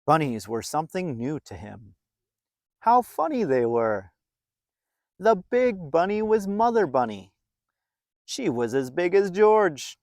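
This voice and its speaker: This man reads a children's story aloud with playful expressiveness, dramatic stress, and elongated words. His pitch is on the high side, and the clean studio sound carries no echo.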